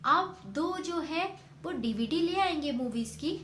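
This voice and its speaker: A woman's voice: high-pitched, animated, takes it slowly, exaggerated voice. A woman voicing a patient, persuasive young daughter-in-law. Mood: coaxing. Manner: gently persuasive. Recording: echoey room, faint noise.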